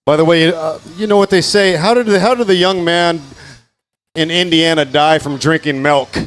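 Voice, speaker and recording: A man giving live bike race commentary, full of dad jokes and energetic calls of the action. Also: on the high side, normal speed.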